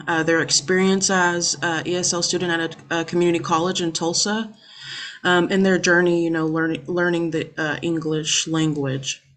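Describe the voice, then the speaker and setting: A young woman who is a student, conducting a casual interview over a video call, friendly and full of fillers like um and you know. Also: fairly low pitch.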